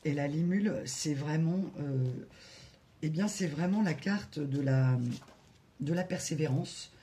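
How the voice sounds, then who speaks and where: A French-speaking card reader giving a spiritual guidance reading, talking slowly with many hesitations and asides to spirit guides. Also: mid-range voice, mellow, slight background noise. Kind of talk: tarot-style guidance reading to camera.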